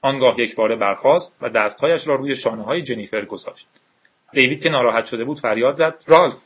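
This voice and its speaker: A man with a husky, mid-pitched voice reads a novel aloud in a steady, measured way. The recording is dull and lo-fi, with a muffled top end. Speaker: audiobook narrator.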